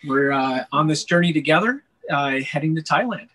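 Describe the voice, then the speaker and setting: Man from Wisconsin, interview guest, earnest and steady, slightly high voice. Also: moderate pace, low-quality recording. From Wisconsin, USA. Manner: earnest, steady, frequent "uh" fillers. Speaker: missionary guest. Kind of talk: interview answers.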